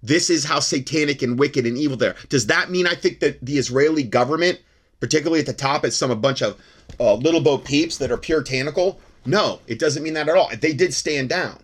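A man's voice: on the high side, fairly quick. An American man hosting an alert talk show, reading news reports and breaking into paranoid, conspiratorial rants. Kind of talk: reading news reports with off-the-cuff ranting commentary.

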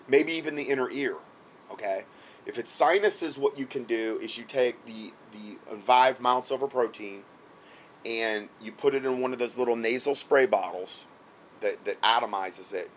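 Indoors late at night, a hoarse health product seller rambles through casual instructions, pausing often with "okay?" to make sure he's being followed and repeating himself. His middle-pitched voice is a bit worn from a cold, and a faint hiss sits under the recording.

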